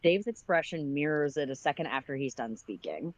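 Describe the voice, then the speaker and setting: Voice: mid-range voice, expressive, fairly quick, no room sound, low-quality recording. A livestream host reading a fan-written story aloud in a casual narrating manner with asides. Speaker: story reader.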